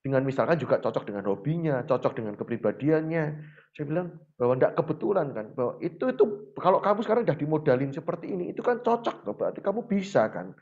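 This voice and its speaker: A man's voice: fairly high pitch, quick pace, muffled recording. Man with speech, storytelling teacher. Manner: lively storyteller who often acts out dialogues. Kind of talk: conversational interview storytelling.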